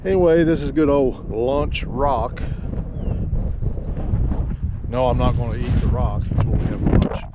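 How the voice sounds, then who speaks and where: A man's voice: medium pitch, fairly even intonation, unhurried, long pauses. An older man chatting casually and a bit ramblingly as he narrates a hike outdoors, talking with wind in his face. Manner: rambling, self-deprecating. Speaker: hiker narrating a trip. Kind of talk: casual outdoor vlog chat. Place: outdoors on a windy mountain meadow. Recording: muffled sound, loud wind on microphone. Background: strong wind noise.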